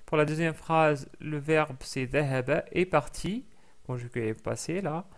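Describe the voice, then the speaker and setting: A man teaching a recorded language lesson, explaining patiently with many fillers and repeating example sounds slowly. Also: fairly high pitch.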